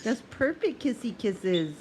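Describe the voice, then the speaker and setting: A woman talking affectionately to her pet bird at home, cooing short repeated phrases with pauses between them, with chirps behind her. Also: fairly high pitch, big pitch swings, noisy background. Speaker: pet owner talking to a budgie. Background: budgie chirps and clicks.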